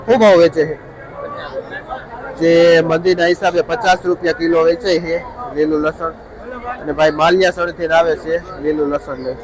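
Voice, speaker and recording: A man with a Saurashtra Gujarati accent and a fairly high voice reports produce prices at a busy outdoor vegetable market, speaking flatly at a moderate pace. His vlog commentary is matter-of-fact and repetitive, with brief questions to vendors. The rough recording picks up crowd chatter and traffic.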